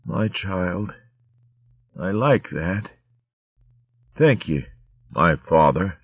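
A man voicing a dying female corsair ferret who talks in rough sailor slang, faint and weak. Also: lowish voice, takes it slowly, no echo, narrow, tinny audio, voice pushed up. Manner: coarse seafaring slang, weak and fading.

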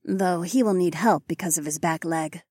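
A man voicing a gentle, soft-spoken young catwoman who worries about her pet. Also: on the high side, moderate pace, no echo, studio quality, pitched above the performer's own voice, lightly acted.

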